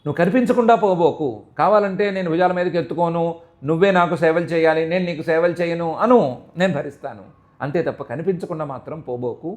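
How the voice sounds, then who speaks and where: Male religious discourse speaker, high-pitched, chants verse lines, then explains them with feeling. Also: fast talker. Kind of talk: devotional scripture discourse.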